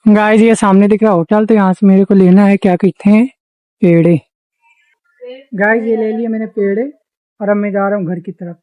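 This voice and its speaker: A young Indian man with a high-pitched voice talks casually to the camera at a moderate, steady pace, telling his viewers about life in his village. This village vlogger films around his home, garden and the roadside, and the audio sounds narrow and tinny.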